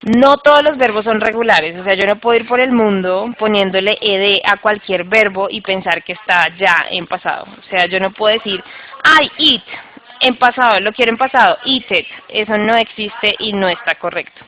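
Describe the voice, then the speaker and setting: A woman's voice: mid-range voice, brisk, few pauses, fairly bright tone, a little hiss or hum, rough recording. A woman with a Colombian accent teaching English grammar online, explaining step by step and checking in often with her students. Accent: Colombian Spanish.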